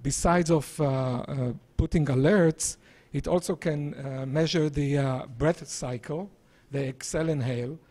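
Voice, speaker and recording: Male presenter, 60s, somewhat raised pitch, halting and hesitant, live talk on a handheld mic. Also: a little mellow. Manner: halting, hesitant delivery with broken-up phrases. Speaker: presenter, visiting scientist and entrepreneur. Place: small indoor presentation room. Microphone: handheld microphone, held at varying distance.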